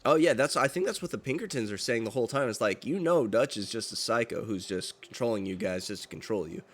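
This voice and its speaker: Faint music plays behind a male podcast co-host whose mid-range voice moves fast with lively intonation. His casual chat rambles, packed with fillers and restarts.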